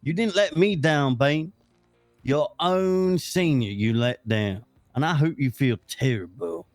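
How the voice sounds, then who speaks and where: A man's voice: a little high, lively intonation, slow, dry recording, soft background music. A man playing a police superior in a roleplay, stern and scolding, swearing casually. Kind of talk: in-character roleplay banter.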